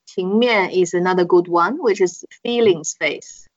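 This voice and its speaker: A woman co-hosting a podcast, explaining things conversationally and pausing to find her words. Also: on the low side, no echo. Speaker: podcast co-host explaining Chinese culture. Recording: muffled, dull podcast audio.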